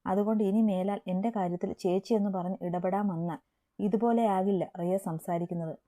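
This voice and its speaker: A woman's voice: medium pitch, fairly even intonation, brisk, mellow, lightly acted. A woman reading the part of an emotional young woman in love in an audio story. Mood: defiant.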